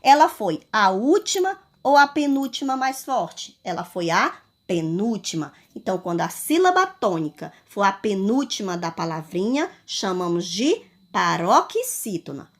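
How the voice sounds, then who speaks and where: A woman's voice: medium pitch, very animated. A woman teacher with a Brazilian Portuguese accent, giving a recorded lesson to children at home and stretching out the stressed words in a sing-song way. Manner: sing-song, drawn-out stressed words, calls pupils "my loves".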